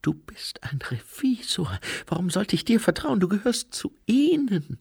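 A man voicing a sharp, questioning young woman who often drops to a breathy hush, in an audiobook reading. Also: mid-range voice, big pitch swings, a little slow, dry recording, clean studio sound, voice pushed up, exaggerated voice. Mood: tense hushed.

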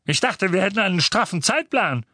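A man's voice: high-pitched, animated, a little fast, bright, forceful tone, no room sound, clean studio sound, voice pushed up, full character voice. A man voicing a blustering, impatient middle-aged uncle.

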